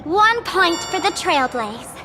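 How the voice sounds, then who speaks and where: A woman's voice: very high-pitched, big pitch swings, takes it slowly, full character voice. A woman voicing a cheeky young female game adventurer, playful and musing in manner. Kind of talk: video game voice acting. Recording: music under the voice. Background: music.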